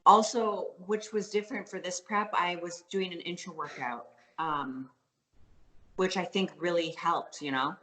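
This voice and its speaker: A woman's voice: lowish voice, fairly even intonation, measured pace, bright, forceful tone, echoey room, a little hiss or hum. A young woman with a Canadian accent, chatting casually as an interview guest, full of likes and ums. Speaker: guest athlete.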